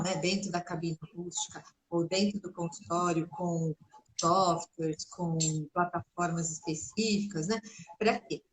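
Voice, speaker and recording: A woman's voice: medium pitch, poor audio. A woman guest speech therapist explaining in a conversational way on a video call, with many tag questions. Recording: faint noise and clicks on a call.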